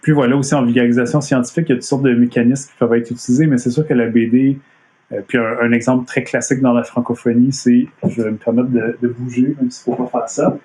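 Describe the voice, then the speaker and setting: A man's voice: medium pitch, flat delivery, quick pace, dark tone. A man with a Montreal French accent giving a casual talk from home over a live stream, hesitant with many fillers and restarts. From Quebec. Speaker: comic artist giving a talk. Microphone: computer mic on a video stream.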